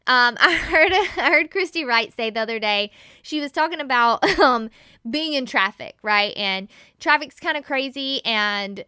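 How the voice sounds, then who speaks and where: A woman giving a casual Bible teaching as a podcast host, animated and laughing often as she acts out everyday scenes. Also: high voice, unhurried, clean tone, no room sound, clean studio sound.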